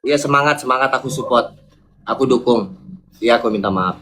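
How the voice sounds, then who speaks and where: A man's voice: medium pitch, a little fast, bright, forceful tone. A man on a live stream, answering an argument with placating, half-chuckling apologies. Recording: noisy live-stream audio.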